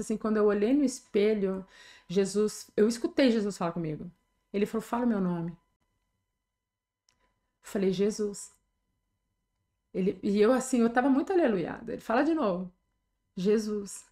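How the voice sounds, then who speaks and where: A middle-aged Brazilian pastor speaks with a Brazilian Portuguese accent in a warm, medium-pitched voice, talking fairly quickly. She shares a personal testimony earnestly and conversationally, often closing her sentences with a tag question.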